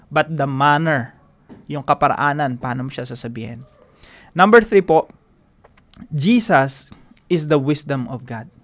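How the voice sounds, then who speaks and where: A man leads a devotional teaching, his voice sitting a bit higher than most men's. He speaks with emphasis and comes back to the same key phrases again and again. He draws out his English lines slowly and deliberately. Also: fairly bright tone. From Philippines. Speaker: devotion leader.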